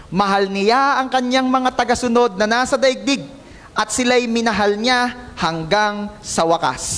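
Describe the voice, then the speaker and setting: A male pastor preaching a sermon in church, mixing English into his talk and calling out to the congregation for answers. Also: very high voice. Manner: lively, calls out to the congregation for responses; mixes English into Filipino. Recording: long hall reverb.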